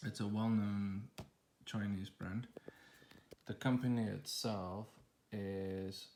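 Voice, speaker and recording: Low, gravelly man rambling through an unboxing. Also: steady tone, slow pace, a little mellow, slight background noise. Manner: rambling, with fillers and restarts. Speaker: tech channel host. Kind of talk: casual unboxing walkthrough. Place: at home. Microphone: phone held in one hand.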